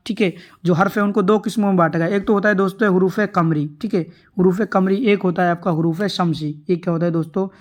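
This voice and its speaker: High-voiced man teaching an exam answer key. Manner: repetitive, rhetorical questions, addresses viewers as friends. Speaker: exam tutor.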